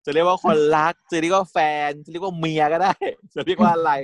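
A man voicing a calm, self-assured young man. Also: fairly high pitch, fast talker, no echo, studio quality, pitched above the performer's own voice, lightly acted. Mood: coaxing.

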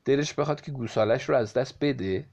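A man voicing a menacing male devil, lord of the night, speaking in a cold, measured way in a storybook reading. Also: mid-range voice, a little mellow, natural voice.

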